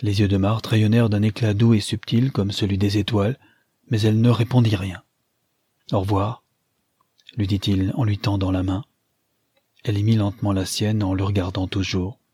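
A man narrating a classic novel in a steady, measured reading. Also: lowish voice, husky, no room sound, studio quality. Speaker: audiobook narrator.

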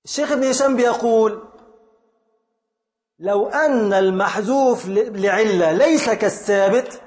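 High-voiced Egyptian man teaching in echoey hall. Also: a little mellow. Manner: deliberate, repeats points and questions students. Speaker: grammar teacher. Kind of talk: classroom lecture.

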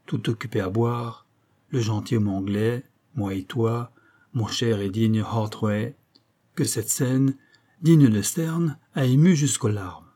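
A man narrating a nineteenth-century story as an audiobook, measured and expressive. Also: fairly low pitch. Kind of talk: literary audiobook reading.

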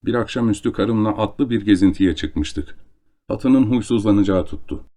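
A man voicing a middle-aged nobleman count, a former duelist, in a measured, somber tone. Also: on the low side, animated, dark tone, lightly acted.

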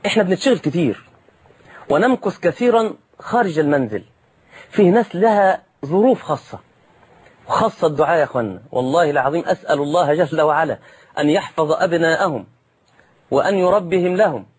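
A man preaching a sermon in an Egyptian accent, lively and direct, calling his listeners brothers and slipping in jokes. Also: a little high, quick pace, pauses often, slightly rough. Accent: Egyptian Arabic.

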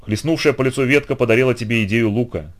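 A man voicing a wise, gentle old male centaur in an audiobook, speaking quietly and gravely. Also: medium pitch, quick pace, close to an everyday voice. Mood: grave sorrow.

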